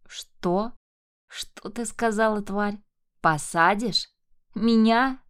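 A woman reading an audiobook, voicing a cruel, abusive husband who sneers and shouts insults. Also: mid-range voice, unhurried, lightly acted. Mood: raging. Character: abusive enraged husband, man, cruel and mocking.

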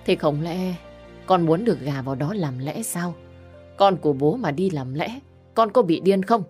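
A woman's voice: lowish voice, expressive, moderate pace, darkish tone, faint music behind, close to an everyday voice. A woman voicing a stern middle-aged father scolding his daughter.

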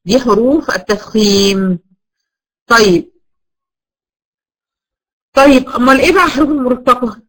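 A woman's voice: on the high side, moderate pace, long pauses, rough recording. A woman with an Egyptian accent teaching a class of girls, posing questions and answering them herself while drilling each point again and again. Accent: Egyptian Arabic. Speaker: Quran recitation teacher.

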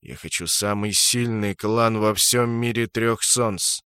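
Man doing a dark elf god, slow commanding drawl, dry close sound, menacing male deity. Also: fairly low pitch, steady tone, clean tone, no echo. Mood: cold, commanding.

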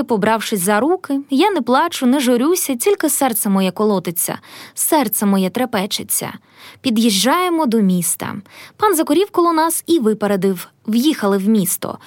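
A woman's voice: fairly high pitch, darkish tone, no echo. A woman narrating a literary story, reading it with emotion. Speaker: audiobook narrator.

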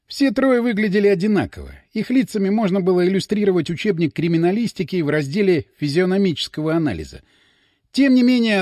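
Picture a man reading a story aloud with a lively, rising and falling voice. His pitch sits a little high, and he tells it with an ironic edge. The sound is dry and close to the mic. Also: no echo. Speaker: narrator. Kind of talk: scripted audiobook narration.

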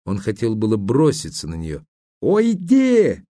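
A male audiobook narrator with a low, mellow voice reads a novel in an even, measured way. The recording is dry and close, with no room sound. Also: no room sound.

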